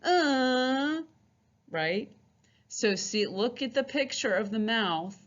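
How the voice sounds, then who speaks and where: A woman teaching a phonics lesson, patiently repeating each letter sound and explaining how the mouth forms it. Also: mid-range voice. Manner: slow, patient, repeats sounds many times. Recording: dull lo-fi recording.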